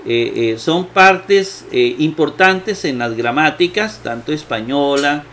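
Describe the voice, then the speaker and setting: A man teaching Greek grammar in a slow lecture, thinking aloud with many fillers and asking himself rhetorical questions. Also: a little high, animated, a bit bright. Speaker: Bible exegesis teacher.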